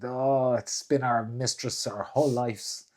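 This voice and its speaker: Irish man, young adult, casual chat, animated storyteller, mid pitch. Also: a little slow. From Ireland. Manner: animated storyteller, mimics others' voices. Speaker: co-host.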